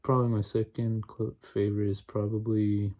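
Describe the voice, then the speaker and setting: A young adult man doing a fast, aggressive ASMR ramble in a casual, repetitive, enthusiastic way. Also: lowish voice, little pitch movement, dark tone, lo-fi sound. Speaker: ASMR video creator. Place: small bedroom, indoors. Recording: noisy room, clicking and tapping. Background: tapping and clicking on CD cases.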